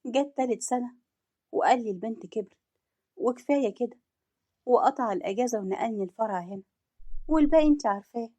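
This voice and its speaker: A woman's voice: a little high, fast, pauses often, dark tone, close to an everyday voice. Woman voicing a bitter, wronged Egyptian wife.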